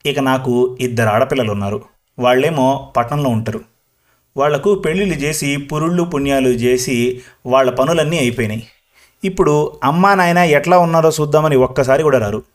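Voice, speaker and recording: Man playing talkative old village granny, slow and rambling, storybook. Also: medium pitch, lightly acted. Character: chatty old village grandmother, talkative and proud. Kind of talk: storybook reading.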